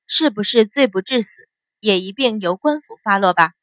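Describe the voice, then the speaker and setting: A woman's voice: medium pitch, animated, moderate pace, fairly bright tone, no room sound, clean studio sound, close to an everyday voice. A woman voicing a cold, imperious young noble lady who hands down judgments with scorn in an audiobook. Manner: icy, commanding, scornful.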